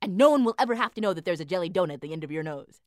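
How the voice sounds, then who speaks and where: A woman's voice: medium pitch, big pitch swings, moderate pace, fairly bright tone, dry recording, studio quality. Woman voicing a scornful folk-tale husband. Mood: wheedling. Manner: scornful, then wheedling and persuasive.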